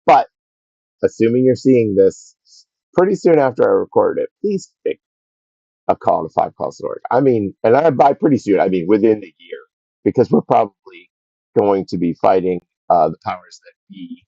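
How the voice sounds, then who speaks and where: Gravelly, lively man talking to himself. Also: fairly low pitch, moderate pace, dry recording. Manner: rambling, talks to himself as he plays. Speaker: game streamer. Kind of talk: casual live gameplay commentary. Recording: dull lo-fi stream audio.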